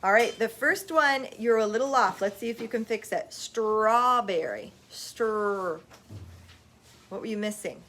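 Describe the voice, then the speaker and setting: A woman teaching a classroom phonics lesson, brisk with the children and slow and lilting when reading poetry aloud. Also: a little high, fairly bright tone. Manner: brisk, reads poetry slowly with a lilt.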